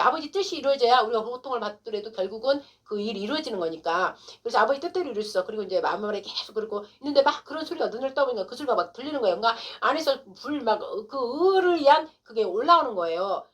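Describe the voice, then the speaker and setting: A woman's voice: a little high, fairly bright tone. A middle-aged woman pastor telling an emotional testimony in a sermon, acting out her own prayers and arguments.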